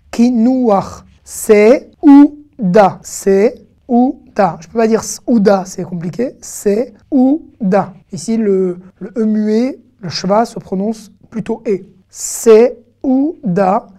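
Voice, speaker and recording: Woman teacher going slow over vocab, repeats every word, warm mellow voice. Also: mid-range voice. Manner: patient, repeats words slowly. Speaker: Hebrew teacher. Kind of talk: online language lesson.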